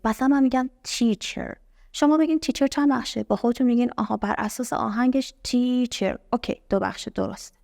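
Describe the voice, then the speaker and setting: A young woman with a fairly high voice teaches an English lesson. She is patient, asks her students questions, and says example words slowly so they can hear each syllable. Her voice is close and dry, with almost no room sound. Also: vocal fry, a little mellow, no echo. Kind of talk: explaining a language lesson.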